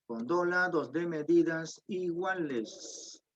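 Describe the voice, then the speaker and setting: Male math teacher, high voice, slow unhurried delivery, quizzes the class as he explains, muffled lo-fi call audio. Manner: patient, explains step by step, asks students questions. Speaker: secondary school math teacher. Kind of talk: online geometry class. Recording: dull lo-fi audio.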